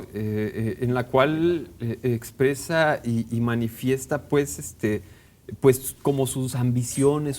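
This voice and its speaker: A man talking in a casual literary discussion, halting and hesitant, with many fillers and restarts. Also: mid-range voice, darkish tone. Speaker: book discussion panelist.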